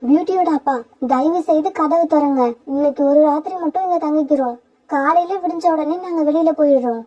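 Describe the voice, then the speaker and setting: A loyal, heartbroken mother sparrow in a cartoon, voiced by a woman, pleading and grieving. The voice is high and a bit muffled, with a lo-fi sound. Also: fairly quick, mellow, close to an everyday voice. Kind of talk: cartoon voice acting. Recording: dull lo-fi sound.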